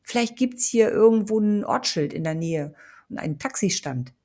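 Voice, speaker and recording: A woman's voice: medium pitch, expressive, normal speed, dark tone, pitched above the performer's own voice, close to an everyday voice. A woman voicing a cautious, level-headed young man in an earnest tone.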